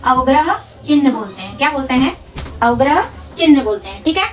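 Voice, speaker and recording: A woman teaching a grammar lesson, asking questions and answering them herself, repeating terms slowly. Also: high voice, animated. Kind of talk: classroom-style lesson. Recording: distant from the mic.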